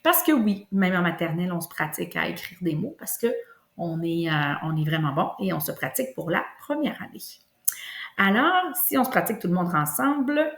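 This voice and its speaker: A woman with a Québécois French accent, teaching a kindergarten lesson and slowly stretching out sounds for young children. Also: fairly low pitch. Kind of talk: classroom lesson video. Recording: echoey room.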